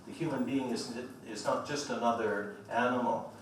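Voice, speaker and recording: A man hosting an evening lecture, giving a formal but loose introduction in a halting manner with repeated phrases. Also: mid-range voice, steady tone. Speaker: host introducing a guest speaker. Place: large echoey indoor room at a public lecture. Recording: echoey hall, distant mic, faint noise.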